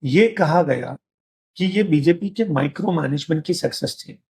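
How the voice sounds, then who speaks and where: A man's voice: fairly high pitch, lively intonation, normal speed, a little mellow, husky. A man hosting a casual panel discussion, talking straight to students and mixing in English phrases. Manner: mixes Hindi with English phrases, addresses students directly. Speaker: host.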